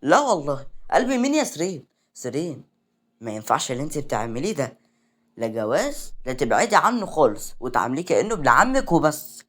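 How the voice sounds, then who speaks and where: A woman's voice: sits low, very animated, fast talker, fairly bright tone, exaggerated voice. A woman voicing a young female best friend who scolds in exasperation, with an Egyptian Arabic accent. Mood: exasperated.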